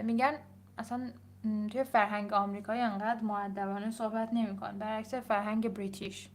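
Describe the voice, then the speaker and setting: A young adult woman with a Persian accent, an English teacher talking casually while she grades her students' papers, reading items aloud slowly and then explaining quickly. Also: fairly high pitch, slight background noise. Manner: switches between slow read-aloud and quick explaining.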